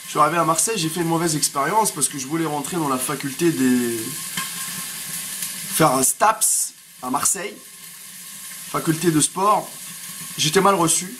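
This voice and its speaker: A man's voice: on the high side, moderate pace, pauses often, low-quality recording. A man in his thirties with a Tunisian accent, chatting in a hyped-up, slangy way while cooking in his home kitchen, recorded by a propped camera a bit away. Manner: street slang, rambling, pumped motivational tone. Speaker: fitness vlogger. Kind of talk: casual hyped-up vlog chat. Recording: loud frying noise behind. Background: sizzling frying pan.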